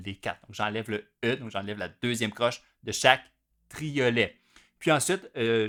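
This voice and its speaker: A drum teacher with a Québécois French accent explains rhythms step by step in an instructional video, counting the beats aloud. His voice is lowish and a bit bright.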